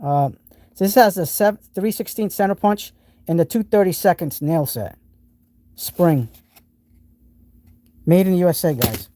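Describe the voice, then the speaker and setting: A man from New England, United States, hosts a live tool stream, enthusiastically rambling with many restarts as he shows tools and answers chat. His high-pitched voice is animated and warm, at a measured pace with frequent pauses.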